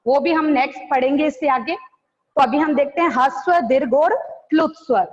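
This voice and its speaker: A woman's voice: high-pitched, moderate pace. A female teacher giving an online class, asking questions and answering them herself. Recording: dull lo-fi sound with long reverb.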